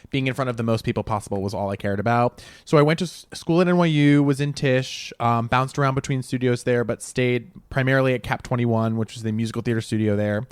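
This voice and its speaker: A man's voice: medium pitch, smooth, no room sound. A man in his early thirties from Rhode Island, a comedian talking in a campy, theatrical way as a podcast guest. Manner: campy, quick-witted and theatrical. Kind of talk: casual podcast chat.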